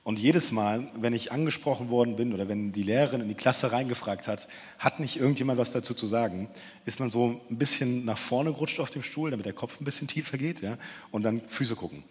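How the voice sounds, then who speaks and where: Young male preacher, husky, echoing hall. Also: mid-range voice, brisk. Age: young adult. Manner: lively, chatty, acts out quotes with slang. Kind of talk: casual sermon retelling a Bible story. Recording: long hall reverb.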